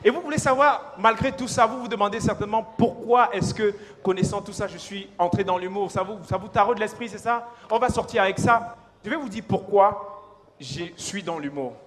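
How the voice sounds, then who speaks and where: A young Cameroonian comedian doing stand-up, with a very high voice and a Cameroonian French accent. He talks straight to the crowd in an animated way. His voice carries through a big hall with a long reverb. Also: fairly quick. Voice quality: animated, addresses the audience directly. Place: stage in a large hall.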